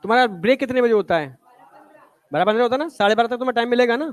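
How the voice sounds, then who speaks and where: A man's voice: very high-pitched, racing. Male teacher. Coaxing classroom lecture where he quizzes the students. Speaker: biology teacher.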